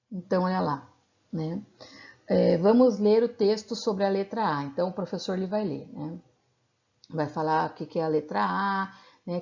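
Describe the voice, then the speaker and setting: A woman's voice: on the low side, darkish tone. A woman teacher with a Brazilian accent explaining a lesson patiently in a recorded video lecture, often checking in with little tag questions. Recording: slightly dull lo-fi recording.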